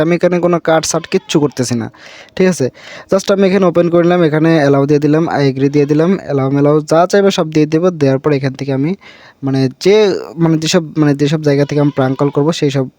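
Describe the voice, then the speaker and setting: A Bangladeshi man with a fairly high, slightly mellow voice hosts an informal, unscripted app tutorial. He repeats himself a lot, calls viewers "brother" in a familiar way, and keeps checking in with them through frequent tag questions.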